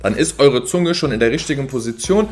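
A man hosting a comedic reaction video, joking and rambling with loud bursts and low asides. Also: expressive, a little fast, faint music behind. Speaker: reaction YouTuber host.

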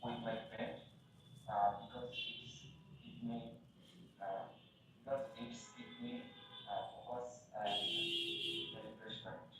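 Halting Bangladeshi young man, far and echoey. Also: medium pitch. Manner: hesitant, halting with fillers. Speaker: student. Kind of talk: practised self-introduction. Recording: roomy and distant, noisy.

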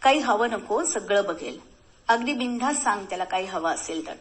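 A woman's voice: medium pitch, lively intonation, normal speed, lightly acted, rough recording. Woman doing a reassuring young army husband.

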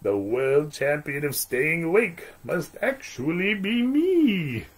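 A man voicing a restless little toy frog who won't settle down, speaking in a bouncy, croaky voice. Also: a little high, sing-song, takes it slowly, voice pushed up, exaggerated voice. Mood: excited.

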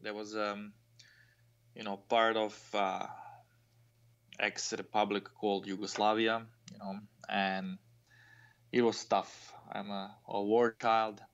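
A man in his thirties with a Croatian accent, a fencing coach and guest, talking in a halting, self-deprecating way over an earbud mic on a video call. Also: fairly low pitch, little pitch movement. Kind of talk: casual interview. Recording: slightly dull video call audio.

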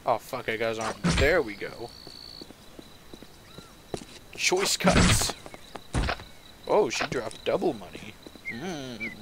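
A man's voice: medium pitch, lively intonation, normal speed, very noisy. A man giving casual, profane and joking commentary while playing a video game, often chuckling to himself. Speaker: let's play commentator.

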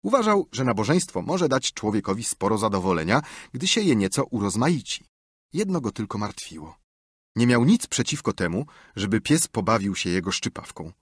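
Husky guy reading an audiobook, lively voice, dry close sound. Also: fairly low pitch, moderate pace, dry recording. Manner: expressive, lively storytelling. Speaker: audiobook narrator. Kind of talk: scripted narration.

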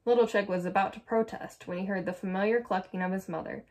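A young adult woman reading a children's picture book aloud with clear, soft storytelling narration. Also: mid-range voice, steady tone, fast. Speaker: storybook reader.

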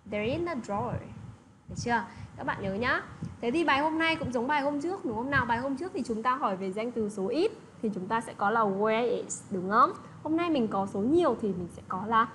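A woman's voice: fairly high pitch, fairly bright tone, slight background noise, low-quality recording. Patient woman teaching English to kids. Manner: patient, repeats checks like "được chưa". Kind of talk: online English lesson for children.

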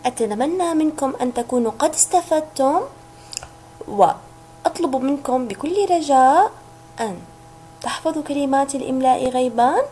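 A woman teaching a recorded reading lesson to young children, sounding out syllables slowly and clearly. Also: high-pitched, lively intonation, dark tone, soft background music, low-quality recording. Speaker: kindergarten teacher.

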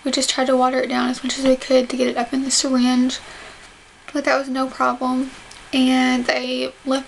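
In a casual home video, a young woman explains her surgery recovery to the camera, faint background noise audible. She speaks at a normal speed in a high, creaky voice with a flat melody, pronouncing carefully with little jaw movement.

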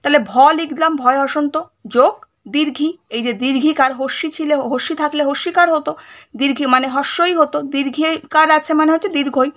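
A woman teaches a primary-school lesson in a high voice. She breaks each word into its letters step by step. She stops often to check that the children follow. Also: fairly even intonation, brisk, fairly bright tone. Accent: Bengali. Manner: patient step-by-step spelling of letters, repeated check questions.

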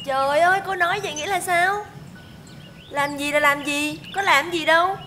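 An actress playing a fretful, indignant young single mother who exclaims and protests loudly. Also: very high voice, normal speed, slight background noise. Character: fretful, indignant young woman raising a baby. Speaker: single mother caring for a baby. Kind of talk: TV drama acting. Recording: loud music score behind.

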